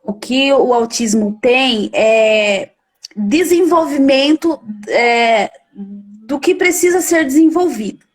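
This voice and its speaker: High-voiced emphatic woman teacher. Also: lively intonation, slow pace. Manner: emphatic, acts out firm commands. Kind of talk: explaining in an interview.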